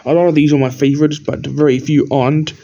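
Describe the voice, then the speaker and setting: A man with a somewhat high, mellow voice talks through his collection in a casual, halting ramble, pointing out little details one at a time. He sounds tired and keeps breaking off to yawn. The recording is dull and lo-fi. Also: flat delivery, creaky. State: tired, yawning often. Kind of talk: casual show-and-tell narration.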